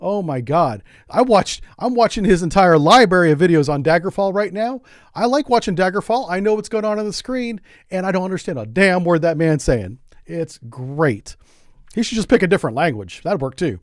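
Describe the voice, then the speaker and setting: A man's voice: sits high, expressive, brisk, no echo, clean studio sound. A middle-aged man from the United States streaming a game in a casual, rambling, joking way, often repeating words as he goes. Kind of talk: casual gameplay commentary.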